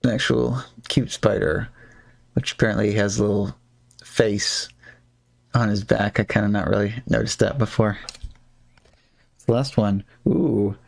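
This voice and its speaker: A man with a low, gravelly voice chats casually through a live stream of a card game. He mutters and hums under his breath between moves and greets viewers as they drop in. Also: measured pace, pauses often. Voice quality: gravelly, relaxed, hums and mutters while playing.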